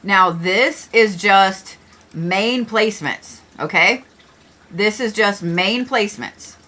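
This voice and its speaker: A middle-aged woman hosts a casual livestream, chatting and joking with her viewers. Her voice is bright and forward, and she talks in a loose, familiar way with the odd curse word. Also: medium pitch, takes it slowly. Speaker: astrology livestream host.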